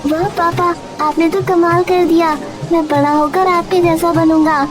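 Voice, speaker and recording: A performer voicing an admiring little village boy in an animated moral story. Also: extremely high pitch, unhurried, over loud music.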